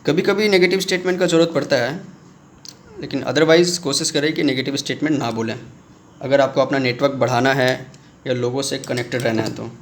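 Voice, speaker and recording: A man teaching a commerce lesson on video. He explains with everyday examples, calls his viewers friends, and acts out student questions in a lower voice. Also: fairly even intonation, fairly quick, slight background noise. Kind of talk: video lecture.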